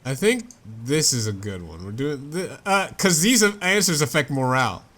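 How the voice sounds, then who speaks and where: Lively rambling let's play guy. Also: on the high side, moderate pace. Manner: rambling, self-correcting, lively. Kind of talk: casual gameplay commentary.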